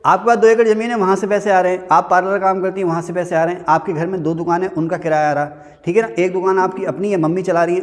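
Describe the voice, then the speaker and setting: A man teaching an economics class in a classroom, joking and quizzing his students in a conversational way. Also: fairly high pitch. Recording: hall reverb.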